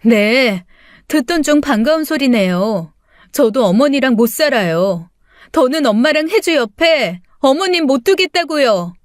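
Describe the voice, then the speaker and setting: A woman's voice: high voice, expressive, measured pace, no room sound, clean studio sound. A woman playing a furious indignant daughter-in-law. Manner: sharp, indignant, raised voice.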